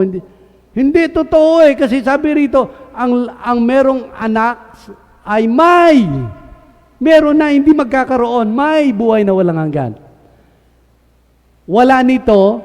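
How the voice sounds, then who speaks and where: High-voiced preacher in a reverberant church hall. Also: male voice. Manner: lively, asks the congregation questions and answers them himself; switches between Tagalog and English. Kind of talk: sermon.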